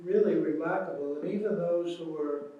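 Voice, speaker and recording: A man's voice: on the high side, moderate pace, muffled recording. A man introducing a discussion panel and speaking on it, earnest and emphatic. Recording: very echoey room from far off.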